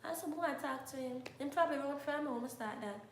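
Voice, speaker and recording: A woman's voice: high voice, fast talker, roomy sound, background noise. A young Jamaican woman with a Jamaican accent, chatting casually to her viewers and drifting between patois and English. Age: young adult. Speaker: YouTuber.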